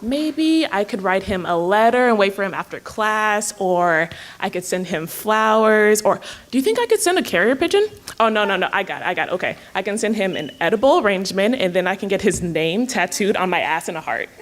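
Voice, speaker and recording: A woman's voice: medium pitch, very animated, a little fast, few pauses, lightly acted. Woman playing a heartbroken student fixated on her ex. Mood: scheming. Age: young adult. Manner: rambling, giggly, obsessive. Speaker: student acting in a skit.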